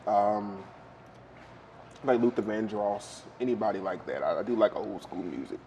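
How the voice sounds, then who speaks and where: Young male guest, mellow and relaxed, casual interview. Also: on the low side, moderate pace, slight background noise, low-quality recording. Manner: easygoing, affirming, says okay often. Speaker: guest, university staff member and choir leader. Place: restaurant, indoors.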